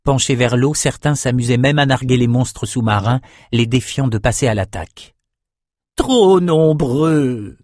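A man narrating an audiobook in a steady, measured storytelling voice, close to the mic. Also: mid-range voice, dry recording.

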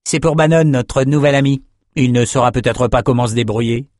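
A man's voice: mid-range voice, brisk, darkish tone, no room sound, studio quality, voice pushed up, close to an everyday voice. A man voicing a hearty, falsely cordial male reveler in an audiobook.

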